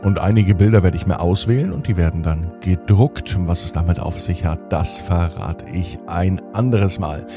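A man gently narrating a bedtime story and talking straight to children. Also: sits low, moderate pace, few pauses, music in the background. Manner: gentle, addresses children directly.

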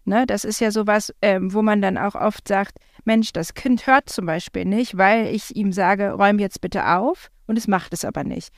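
A woman's voice: mid-range voice, moderate pace, few pauses, dry recording, clean studio sound. A woman, a parent, talking in a chatty, reflective way with frequent fillers. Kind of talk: casual conversation.

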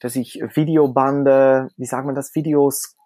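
A Dutch man in a relaxed conversational interview, with a medium-pitched voice and a Dutch accent. He speaks as a guest, feeling his way through sentences and searching for words. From Netherlands. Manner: halting, searching for words in German. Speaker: cabaret performer, interview guest.

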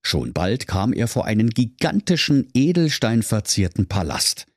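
Male storyteller for a kids' fairy tale, animated and playful, dry studio read. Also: lowish voice, normal speed, breathy edge, no room sound. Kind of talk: comic fairy-tale narration for children.

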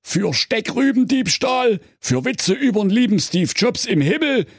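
A man's voice: high-pitched, very animated, a little slow, breathy edge, no echo, clean studio sound, full character voice. A man voicing a naive, muddled fairy-tale brother who rambles and bumbles through his complaints. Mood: bumbling.

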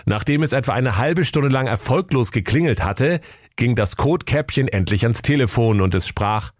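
A man's voice: mid-range voice, animated, moderate pace, dry recording, clean studio sound. A man with a Schleswig-Holstein accent, narrating a comic fairy tale in a playful storybook tone.

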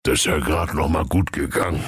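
A man's voice: sits low, a little slow, dry recording, clean studio sound. A man playing a lazy, bumbling servant who whines and frets in a storybook tale. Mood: sheepish.

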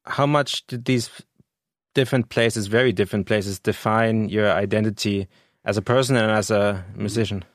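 A man's voice: lowish voice, fairly even intonation, moderate pace, no room sound. A man interviewing a guest in a studio, asking questions casually with some fillers. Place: radio studio.

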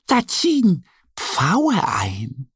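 A man voicing a gentle, cheerful little female duck in a children's storybook, with a high, soft, childlike voice. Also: sing-song, measured pace, gravelly, no echo, full character voice. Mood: curious.

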